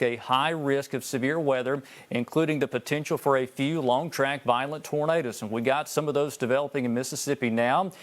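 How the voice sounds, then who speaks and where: A man anchoring live severe weather coverage, talking conversationally and cautioning viewers in a measured, unscripted way. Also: mid-range voice.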